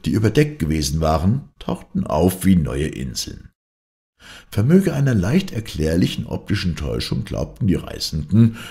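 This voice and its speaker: Male audiobook narrator, deep and gravelly, lively storytelling delivery. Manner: lively storytelling, voicing each character's quoted lines. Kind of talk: scripted narration of a classic novel.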